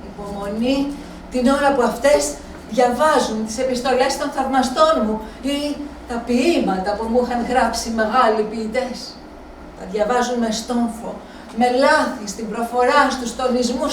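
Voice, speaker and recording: A woman's voice: a little high, slight background noise, close to an everyday voice. An actress performing a live stage monologue as an aging Helen, a faded proud woman alone, brooding, weary and bitter. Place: small theatre space. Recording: echoey room from far off.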